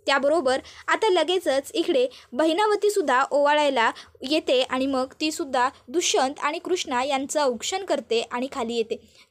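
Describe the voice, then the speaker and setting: High-voiced woman retelling a serial. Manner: repetitive linking phrases, steady retelling. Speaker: serial recap narrator. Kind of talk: storytelling recap of a TV serial.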